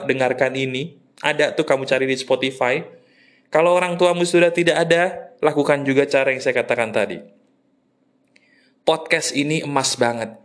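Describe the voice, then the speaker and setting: A man hosting a motivational podcast, coaching listeners in an earnest tone that moves from upbeat to soft. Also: mid-range voice. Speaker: podcast host.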